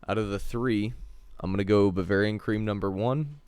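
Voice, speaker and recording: Casual podcast host, man, deep voice, enthusiastic and profane, dry recording. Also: steady tone, moderate pace, a little mellow, smooth, no echo. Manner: profane, enthusiastic sports talk. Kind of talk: casual chat.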